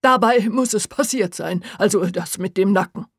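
A woman's voice: medium pitch, moderate pace, husky, no room sound, clean studio sound. A woman voicing a shaken, self-pitying middle-aged man in an audiobook, with dramatic complaints. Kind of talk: audiobook character voice.

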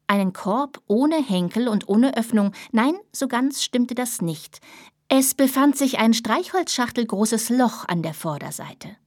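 A woman reading a children's story aloud with lively, expressive delivery. Her voice sits fairly high, and the recording is close and dry. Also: measured pace, no room sound. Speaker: narrator.

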